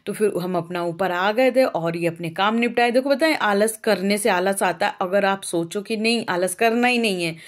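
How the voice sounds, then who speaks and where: A young woman from Uttar Pradesh talks through her household chores in a rambling, homely vlog voice. She talks on easily and often stops on small filler sounds, keeping her pitch in the middle range for a woman. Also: moderate pace, few pauses. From Uttar Pradesh, India. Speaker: vlogger. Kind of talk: casual chatty vlog narration.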